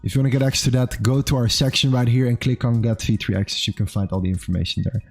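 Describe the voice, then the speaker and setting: Over faint music, a twenties male trader livestreams casual chat and market commentary at a fast clip. His mid-range voice barely moves in pitch, yet he sounds upbeat, with frequent uses of "amazing" and "bro."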